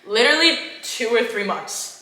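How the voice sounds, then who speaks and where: An eighteen-year-old woman hosting a casual Q&A with friends, telling stories fast and animatedly, with swearing and laughter. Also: on the high side, animated, bright, forceful tone. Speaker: channel host. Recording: echoey room with faint background noise.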